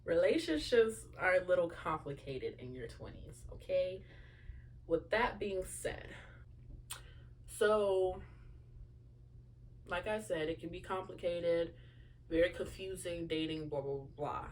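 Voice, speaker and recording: Chatty young woman with low voice. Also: lively intonation, measured pace, long pauses, a little mellow. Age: young adult. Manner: chatty, lots of fillers and asides to listeners. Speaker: podcast host. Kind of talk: casual solo chat.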